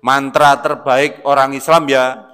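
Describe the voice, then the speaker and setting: Male preacher, bright forceful tone, high-ish pitch, animated loud-soft delivery, long hall reverb. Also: measured pace, smooth. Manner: animated, swings between loud emphatic bursts and quiet asides; keeps addressing listeners as "Pak". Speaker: Islamic preacher. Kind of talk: lecture-style religious sermon.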